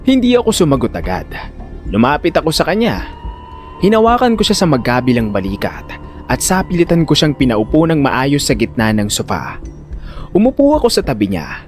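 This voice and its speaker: A man tells a tense first-person suspense story as an anxious older brother looking out for his sibling, with faint music in the background. At a normal speed, his pitch swoops wildly, and his dramatic narration gives way to exasperated, high-pitched acted lines.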